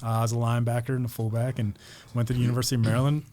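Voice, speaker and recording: A man's voice: medium pitch, level tone, rapid-fire, dark tone. Rambling middle-aged man telling stories. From Pennsylvania, United States. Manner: rambling, with many restarts and repeated words. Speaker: podcast guest. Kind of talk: casual storytelling interview.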